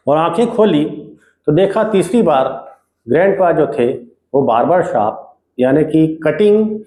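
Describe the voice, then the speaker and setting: High-voiced male teacher in an echoey room. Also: warm tone. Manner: casual storytelling with frequent check-ins like "okay". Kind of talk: retelling a textbook story as a lesson.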